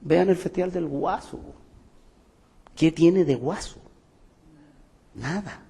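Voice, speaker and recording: A man's voice: on the high side, slow, gravelly, mellow. An older man with a Chilean Spanish accent giving an emphatic public talk as a music teacher and folklorist, full of rhetorical questions and asides. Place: cultural center hall. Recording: long hall reverb.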